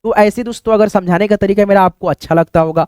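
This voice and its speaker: A man's voice: sits high, fast, darkish tone, clear, resonant tone, no room sound, clean studio sound. Chatty man teaching letters. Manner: chatty, keeps addressing listeners as friends and checking "okay?"; stretches out vowel sounds to demonstrate them. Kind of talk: screen-based language lesson.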